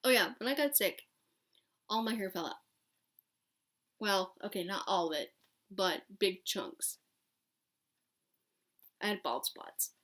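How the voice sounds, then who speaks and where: A woman in her late thirties chatting casually and candidly to camera, rambling and emphatic, with a raspy voice like a longtime smoker's. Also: medium pitch, expressive, slow pace, pauses often, fairly bright tone. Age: late thirties, almost forty. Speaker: vlogger talking to camera.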